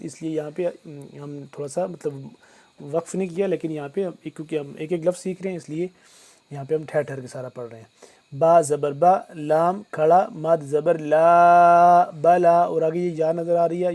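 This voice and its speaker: Guy teaching quran reciting, slow drawn-out lines then fast notes, flat mellow voice. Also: on the high side. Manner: alternates slow drawn-out recitation with quick explanations.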